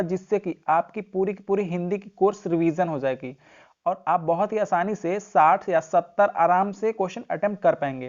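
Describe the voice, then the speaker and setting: A man's voice: high voice, darkish tone, dull audio. A male teacher giving an exam revision lesson, repeating key points and quizzing the viewer with questions he answers himself.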